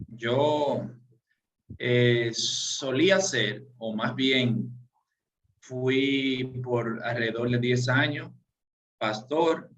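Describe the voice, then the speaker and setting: A former pastor introducing himself politely to an online class. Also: male voice, mid-range voice, drawn-out words, fairly bright tone, a little hiss or hum. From Dominican Republic. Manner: polite, self-correcting.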